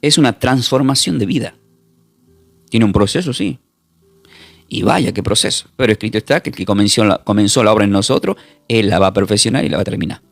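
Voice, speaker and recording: A man, a pastor teaching a recorded Bible class in an emphatic preaching manner, repeating words and slowly spelling out terms. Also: on the low side, gravelly.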